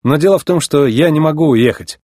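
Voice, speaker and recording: A man's voice: fairly high pitch, brisk, darkish tone, dry recording, studio quality, pitched above the performer's own voice, close to an everyday voice. A man doing a cocky young race car. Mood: playful. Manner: easygoing, playful.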